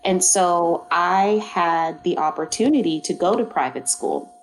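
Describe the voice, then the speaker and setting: A woman's voice: on the low side, lively intonation, a little slow, slight background noise, poor audio. Reflective woman from Oakland. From East Oakland, California. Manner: reflective, talks through ideas with many restarts. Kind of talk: casual panel conversation.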